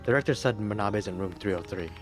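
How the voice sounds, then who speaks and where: A man playing a horror video game, reading the narration aloud in a low-key way with casual comments in between. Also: fast talker, faint music behind. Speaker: let's play gamer.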